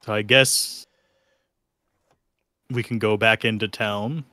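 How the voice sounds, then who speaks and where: A man's voice: on the low side, steady tone, slow, bright, forceful tone, dry recording, clean studio sound. A man playing a tabletop game, joking and laughing with the table. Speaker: player. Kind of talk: tabletop role-play.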